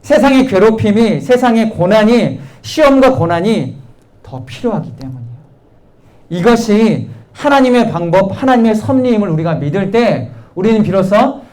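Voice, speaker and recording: A male pastor delivers a sermon to young adults in a high, bright-pitched voice. His speech rises and falls with wide swings as he presses the room with repeated questions and acts out the voices he quotes. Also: lively intonation, normal speed. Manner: questioning, repetitive rhetorical preaching, quoting voices. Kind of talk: sermon to a youth congregation.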